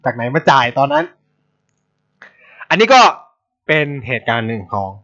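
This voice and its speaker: A man's voice: mid-range voice, moderate pace. Thai guy ranting casually on a podcast, swears a ton, dull lo-fi recording. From Thailand. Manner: blunt, swears a lot, animated. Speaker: podcast host. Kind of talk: casual storytelling chat. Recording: dull lo-fi sound.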